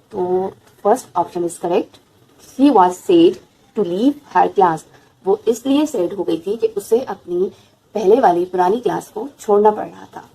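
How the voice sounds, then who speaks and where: A woman's voice: mid-range voice, creaky, dark tone, husky, poor audio. A woman with a Pakistani accent teaching a beginner English lesson, switching between Urdu and English, spelling words out letter by letter and asking questions to the class.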